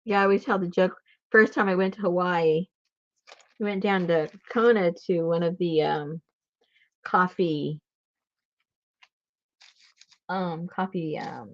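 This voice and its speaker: A Rhode Island woman with a lowish voice hosts a craft livestream, chatting casually, laughing often and telling stories as she works. There's no echo, though the sound is dull and lo-fi.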